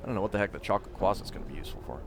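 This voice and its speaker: A man's voice: low voice, animated, rapid-fire, gravelly, background noise. A man hosting a let's play, reading game text aloud and adding casual commentary. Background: game music.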